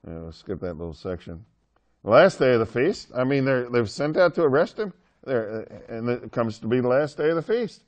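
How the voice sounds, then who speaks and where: A man's voice: mid-range voice, very animated, moderate pace, highs cut off. Joking, chatty male Bible teacher. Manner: chatty, joking with the class, asks questions. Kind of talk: classroom Bible lesson.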